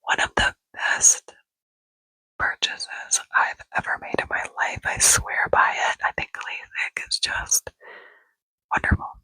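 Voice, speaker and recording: Seated indoors, an ASMR creator whispers chattily and rambles with plenty of fillers into a close mic held near the mouth. The voice is slow, pushed and bright, and the recording is dry with poor audio.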